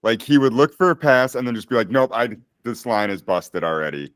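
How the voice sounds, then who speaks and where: A man on a casual sports podcast, speaking in a quiet, understated way. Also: mid-range voice, very animated, fairly quick, dry recording, studio quality. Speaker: podcast panelist.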